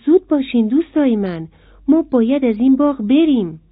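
A woman's voice: a little high, expressive, no echo. A woman doing a kind, eager cricket. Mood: urgent. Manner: gentle, coaxing. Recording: dry, phone-like sound.

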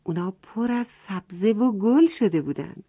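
A woman reading a children's story in a gentle way, speaking to the children directly. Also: medium pitch, lively intonation, husky, no room sound. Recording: tinny phone-like dry sound.

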